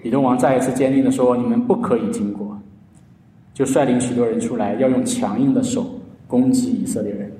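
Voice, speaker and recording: A man's voice: medium pitch, level tone, quick pace, warm tone. A man preaching a sermon in earnest storytelling style, often stretching his sentence endings. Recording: echoey hall, heard from a distance.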